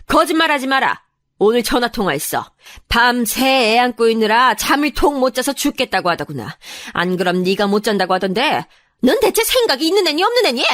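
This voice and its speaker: Woman playing a shrill scolding mother-in-law. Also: sing-song, a little fast, a bit bright. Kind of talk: radio drama acting.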